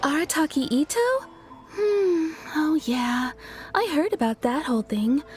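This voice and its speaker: A woman's voice: sits high, animated, measured pace, a little mellow. A woman voicing a wry, level-headed townswoman in a video game, telling a story with dry amusement. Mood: amused.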